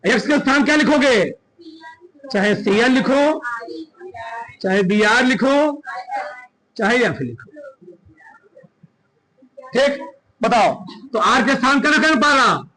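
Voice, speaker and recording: High, bright-voiced male teacher quizzing students. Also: expressive, low-quality recording. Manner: quizzing students with rapid questions. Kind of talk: classroom chemistry lesson. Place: classroom.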